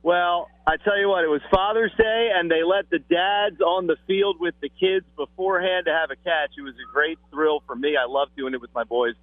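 A radio morning show host phoning in from an outdoor concert, chatting in an upbeat, joking way over a phone line that cuts out. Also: male voice, on the high side, fairly even intonation, moderate pace, hardly any pauses, no echo. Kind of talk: casual on-air chat. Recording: dry, tinny phone line.

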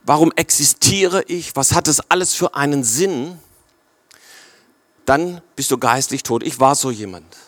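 A Swabian-accented man in his forties preaches with a lively manner and often checks in with his listeners. His voice sits a little high for a man and sounds close and dry, with little room around it. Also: unhurried, no room sound. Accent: Swabian German. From Swabia, Germany. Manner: lively, keeps checking in with the congregation. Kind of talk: sermon.

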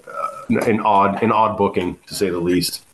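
Deep-voiced man rambling. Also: steady tone, a little slow, a bit bright, slightly rough. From South Florida. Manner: rambling, many fillers and restarts. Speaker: guest musician. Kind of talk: casual interview storytelling.

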